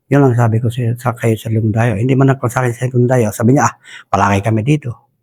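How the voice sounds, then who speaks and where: Rambling soldier from Basilan, deferential. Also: male voice, mid-range voice, steady tone, fast, a little mellow, slightly rough. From Basilan, Philippines. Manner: respectful, says "Sir" constantly, rambling with restarts. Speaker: retired soldier guest. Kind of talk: casual war storytelling.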